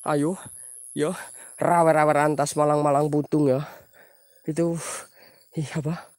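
A man's voice: on the high side, little pitch movement, unhurried, darkish tone, no echo, studio quality. A man hosting a live night ghost-hunt stream outdoors, jumpy and praying aloud while he walks and reads out viewer names. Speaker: livestream host exploring at night.

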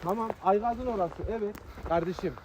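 A man's voice: sits high, brisk, noisy background. A man outdoors urgently persuading strangers to watch someone for a couple of minutes. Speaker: prank accomplice. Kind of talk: casual street talk. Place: outdoors on a street.

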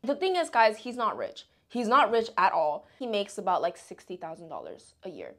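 A young woman tells a personal story to the camera in an animated, conversational way. Her speech is casual and peppered with profanity. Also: medium pitch, normal speed. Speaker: vlogger. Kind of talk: casual storytime while eating.

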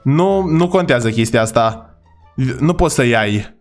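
A man giving casual, chatty gameplay commentary. He talks to his viewers as his brothers and boys, and often yells excitedly at the characters in the game. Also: mid-range voice, soft background music. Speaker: gaming YouTuber.

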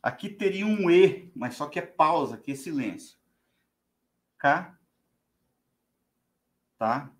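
A man's voice: fairly high pitch, expressive, slow pace, pauses often, roomy sound. A Brazilian man teaching guitar, chanting strum patterns in syllables and counting beats aloud. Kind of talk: spoken guitar lesson with rhythm syllables. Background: guitar playing.

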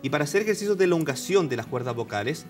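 Man, voice therapist guest, animated and patient, music under. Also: fairly high pitch, very fast. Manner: patient, explanatory, animated intonation. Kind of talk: explanatory TV interview.

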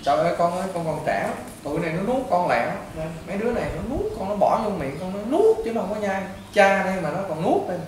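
High-voiced Southern Vietnamese priest lecturing bluntly. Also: male voice, very animated, fast talker, hardly any pauses. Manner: blunt, repetitive, lecturing, addressing the listener as a child. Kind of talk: informal counseling talk to a patient. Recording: echoey and distant with loud background noise.

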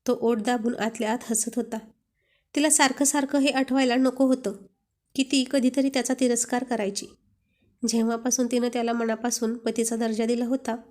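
A woman reads a romance story aloud in a soft, expressive way. Her voice sits fairly high, and the reading is calm and scripted.

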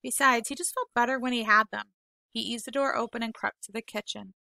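A woman teacher reading a novel aloud to her class, unhurried and gentle, apologizing now and then when she stumbles over words. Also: fairly high pitch, fairly even intonation, creaky, dry recording. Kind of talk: read-aloud storytelling.

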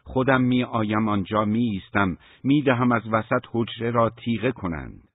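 A stern mother scolding her grown sons, voiced by a male audiobook reader. The voice is low and somewhat husky, and the recording is thin and phone-like with a dry sound. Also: dry recording. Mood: reproachful. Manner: scolding, forceful.

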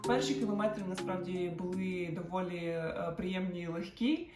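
A woman's voice: lowish voice, normal speed, loud music behind the voice. A woman vlogger talking casually to her viewers, chatty and self-mocking, addressing them directly. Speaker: travel vlogger. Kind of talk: casual talk to camera. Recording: roomy and distant from the mic.

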